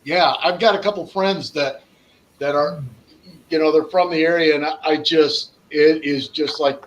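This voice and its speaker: A man's voice: a little high, fairly even intonation, moderate pace, lo-fi sound. A man chatting on a casual group video call, hesitant and restarting his sentences.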